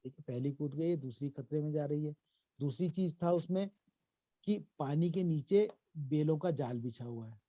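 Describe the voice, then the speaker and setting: A man's voice: a little high, normal speed, no echo, highs cut off. A man teaching an online acting workshop in a conversational way, acting out bits of dialogue as he explains. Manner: conversational, acts out lines of dialogue. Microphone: video call.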